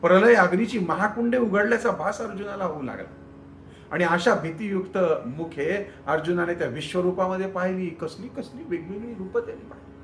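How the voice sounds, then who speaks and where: A man telling a spiritual scripture story as host, in an expressive, vivid way that addresses viewers directly. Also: high voice, a little fast, echoey room, slight background noise.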